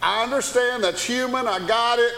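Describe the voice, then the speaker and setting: Folksy preacher in an echoey church. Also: male voice, very high-pitched, moderate pace, vocal fry, pushed and bright. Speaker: pastor. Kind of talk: sermon. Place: church sanctuary. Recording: echoey hall with long reverb.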